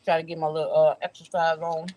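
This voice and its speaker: A woman's voice: low voice, level tone, fast talker, a little mellow, no echo, poor audio. A woman vlogging outdoors, chatting casually to her viewers with lots of fillers and easy laughs. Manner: rambling, laughs often, many fillers. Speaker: vlogger host.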